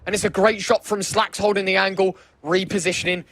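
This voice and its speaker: A man's voice: high voice, flat delivery, a little fast. A man commentating live esports as a caster, dramatic and exclamatory, with vivid phrasing. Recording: clear game noise behind the voice.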